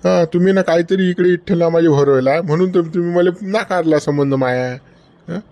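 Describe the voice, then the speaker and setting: A man, playing a hot-headed young village farmer in a comedy skit. He talks loudly and quarrelsomely and keeps tacking on a demanding "huh?". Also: on the high side, brisk, close to an everyday voice. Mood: angry.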